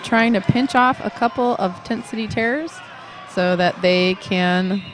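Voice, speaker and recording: A woman's voice: medium pitch, unhurried, music in the background. Chatty woman calling roller derby over crowd. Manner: chatty, laughs often, jokes with co-host. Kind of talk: live play-by-play commentary. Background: crowd at a live derby bout.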